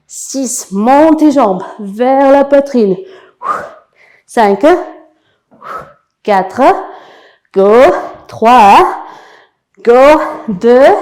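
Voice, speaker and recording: A woman coaching an ab workout, her voice sitting a little high. She talks in an unhurried way, giving short cues and counting reps with encouragement. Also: dark tone. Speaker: fitness coach. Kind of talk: guided workout instruction.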